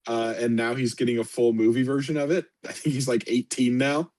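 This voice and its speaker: A man's voice: mid-range voice, little pitch movement, a little fast, a little mellow, no echo. A man co-hosting a casual game recap, laid-back, laughing easily and chiming in with corrections. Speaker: co-host. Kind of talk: casual chat.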